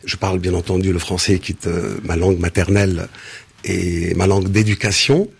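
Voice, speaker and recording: A man in his sixties from Senegal, answering interview questions in a measured way with frequent hesitations and restarts. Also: low-pitched, flat delivery, gravelly, breathy edge. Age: 60s. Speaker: interview guest, business founder.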